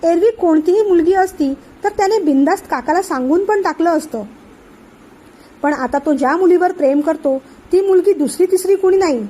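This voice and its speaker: High-voiced woman reading a story aloud. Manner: expressive, acts out each character. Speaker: story narrator.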